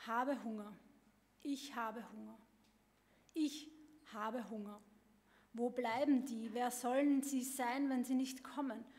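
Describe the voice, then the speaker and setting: A woman's voice: fairly high pitch, steady tone, takes it slowly, long pauses, a little mellow. A woman voicing a hungry, demanding, sulky female baby bird, complaining over and over, at a public literary reading. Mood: demanding, whiny. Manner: whiny, repeated complaining. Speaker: author reading her own text. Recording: long hall reverb.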